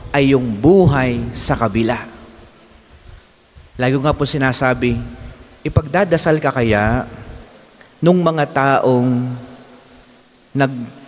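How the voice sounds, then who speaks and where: Slow-preaching young priest, echoing church. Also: male voice, mid-range voice. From Philippines. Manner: slow, reflective preaching with frequent tag questions. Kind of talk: homily. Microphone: stand mic in front of speaker. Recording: long reverb of a church hall.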